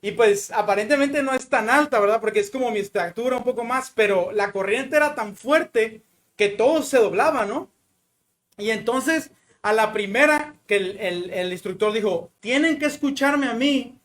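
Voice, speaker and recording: A man with a Mexican accent giving a conversational sermon, chatty and full of little fillers, then slowing and softening as he prays. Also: sits high. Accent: Mexican Spanish. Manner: chatty, fills pauses with "¿no?" and "o sea"; slows down and softens when praying. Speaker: preacher. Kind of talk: conversational sermon with personal story.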